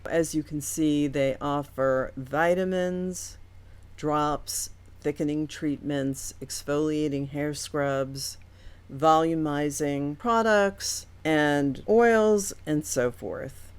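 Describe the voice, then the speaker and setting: A woman with a low voice explains products to her viewers in a video review. She speaks slowly and plainly, and a mild lisp makes her words sound a little padded. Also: clean tone. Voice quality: slight lisp, as if cotton in the mouth. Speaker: YouTube beauty and hair product reviewer. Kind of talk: sponsored product review to camera.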